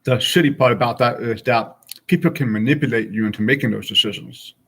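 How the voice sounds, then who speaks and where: A man's voice: mid-range voice, brisk, a bit bright, husky. A man of forty chatting casually and frankly with his stream viewers, rambling from thought to thought. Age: 40s.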